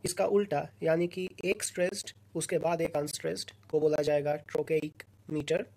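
A woman gives a recorded lecture in a patient, explanatory way. Her voice sits a little low. She talks in short phrases and pauses often between them. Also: level tone, mellow. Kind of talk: recorded lesson explaining a slide.

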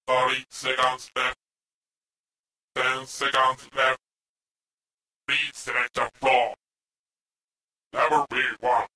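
A man voicing the robotic computer of a spaceship in a game, giving flat announcements. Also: mid-range voice, slow, pauses often. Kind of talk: game voice lines. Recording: echoey, from a distance.

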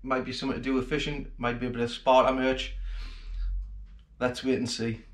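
A man's voice: medium pitch, little pitch movement, brisk. A man in his forties hosting a fishing channel, talking casually and gratefully to the camera at home. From England. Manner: chatty and grateful, plain-spoken. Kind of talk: casual vlog talk to camera. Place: home kitchen, then living room, indoors. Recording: roomy home acoustics.

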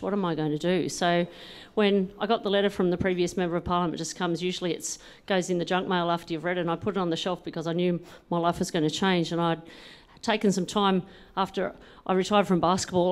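A lively woman in her forties, raised in New Zealand, answers questions into a handheld mic on an event stage. Her voice sits a little low for a woman, and she talks plainly and laughs easily. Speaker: Paralympian and politician, honoree. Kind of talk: stage interview.

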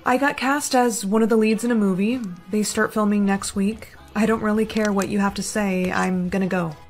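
A woman's voice: medium pitch, steady tone, normal speed, soft background music, natural voice. A text-to-speech woman's voice playing a defiant teenage girl in a storytime.

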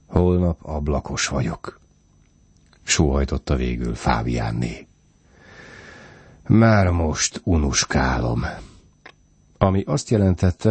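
A man reading a short story aloud as audiobook narration, calm and measured. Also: very deep voice, slightly rough, no room sound. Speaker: audiobook reader.

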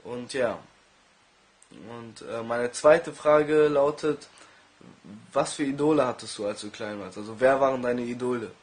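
A young man sits at his desk in a bedroom and records his questions for a rapper on a webcam. His voice sits at a middling pitch, and he reads his lines plainly with small hesitations. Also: unhurried. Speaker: viewer asking questions. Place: bedroom with studio gear, indoors.

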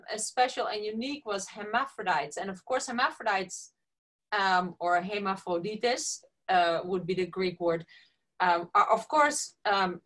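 A middle-aged woman from the Netherlands, sharing an example in a video call discussion, thoughtful and pausing for words. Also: mid-range voice, a bit bright. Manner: thoughtful, searching for words with many fillers. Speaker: workshop participant. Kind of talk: casual discussion. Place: indoor room with a patterned hanging behind her.

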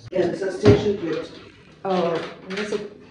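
A woman's voice: mid-range voice, fairly even intonation, moderate pace. A woman vlogging on her phone in casual chat, talking loosely with lots of fillers. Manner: chatty, filler-heavy talk with many "like"s. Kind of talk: casual selfie vlog. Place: busy hospital ward. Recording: busy hospital crowd noise behind.

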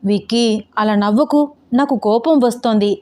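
A woman's voice: fairly high pitch, normal speed, warm tone, close to an everyday voice. A woman voicing a pouty, timid young girlfriend. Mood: whiny. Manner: whiny, pouting. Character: timid, sulky young woman learning to ride. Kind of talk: audio novel character reading.

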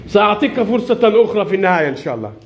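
A man's voice: high-pitched, very animated, very fast. A male primary school teacher with a lilt, running a classroom lesson and coaxing his pupils with frequent laughs. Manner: coaxing, encouraging, laughs often.

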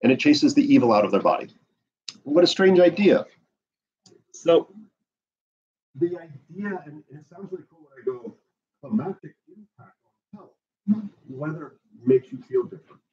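A middle-aged man from the Bahamas teaching an herbalism class indoors, animated and gesturing a lot while he paces, recorded by a camera at a distance. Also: a little high, measured pace, long pauses, lo-fi sound. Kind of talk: lecture to a class. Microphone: far camera on the floor.

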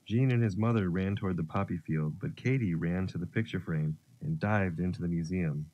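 A man narrating a children's story, gentle and expressive. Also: deep voice, normal speed, highs cut off, a little hiss or hum.

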